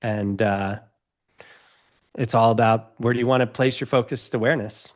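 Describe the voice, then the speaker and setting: A man's voice: mid-range voice, fairly even intonation, normal speed. A middle-aged man, a guest on a podcast, talking earnestly and expansively in a casual interview. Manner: earnest, expansive, gestures while explaining.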